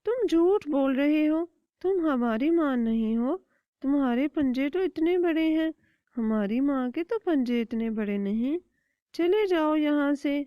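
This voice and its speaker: A woman doing a high, defiant little chick. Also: animated, no echo. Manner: high, insistent piping. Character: small clever little chick, sharp and brave. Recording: dry, dull lo-fi recording.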